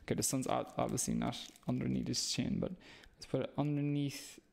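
This Irish comic artist in his thirties speaks in a mid-range, gravelly voice with a darkish tone, fairly even intonation and a fairly quick pace. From a small, dim room at home, he sketches while leading a friendly, encouraging live drawing lesson.

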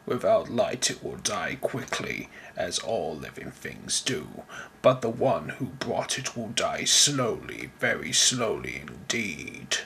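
A cold, cruel ruler, put on by a performer in a comic dub. The voice sinks low and hushed and carries a gravelly rasp. Each threat is drawn out slowly. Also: big pitch swings, a little hiss or hum, full character voice, rough recording. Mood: menacing.

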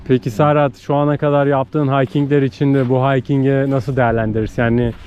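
A man's voice: mid-range voice, flat delivery, a little fast, a little mellow, smooth, muffled recording. A man chatting casually and jokily to his companion as he hosts an outdoor hiking vlog. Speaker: vlogger filming a hike. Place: outdoors on an Alpine hiking trail. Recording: noisy outdoor recording with ambience.

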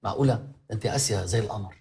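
An actor in an Egyptian sitcom with an Egyptian Arabic accent, joking and making rambling excuses. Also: male voice, fairly low pitch, very fast, mellow, slight background noise, close to an everyday voice. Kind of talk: TV sitcom acting.

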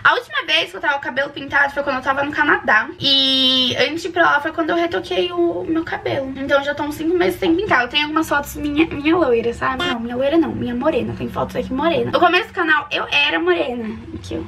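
A young woman from Brazil with a high voice talks in a chatty, excitable home vlog. She sits back from the mic, and steady noise runs behind her. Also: fast talker, few pauses. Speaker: YouTuber. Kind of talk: casual vlog chat. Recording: distant mic with clear background noise.

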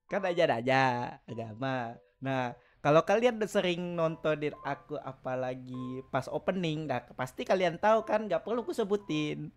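A young man streaming casually, teasing his chat and laughing often, with sudden loud outbursts. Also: a little high, lively intonation, moderate pace, faint music behind. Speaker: VTuber streamer. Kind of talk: casual live stream chat reading viewer messages.

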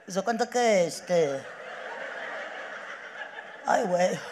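A woman's voice: a little high, lively intonation, in a large hall, heavy background noise, voice pushed down. Woman doing a weepy Mexican man, mumbling. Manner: mumbling, choked-up, halting. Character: sentimental middle-aged man mourning his old car.

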